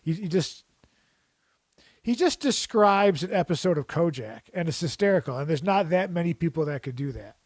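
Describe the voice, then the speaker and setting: A man with a somewhat high voice rambles animatedly through jokey stories in casual chat, frequently restarting his sentences. He talks at normal speed, and the sound is close and dry with no echo or room around it.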